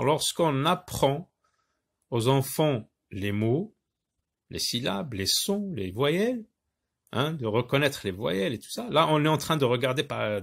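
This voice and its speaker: A man explaining a reading lesson, halting with many fillers and restarts, sounding out syllables aloud. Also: mid-range voice. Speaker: teacher. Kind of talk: recorded lesson for teachers.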